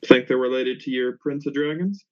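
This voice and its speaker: A man's voice: medium pitch, normal speed. A man playing a tabletop role-playing game, improvising casually in character, on a slightly dull recording.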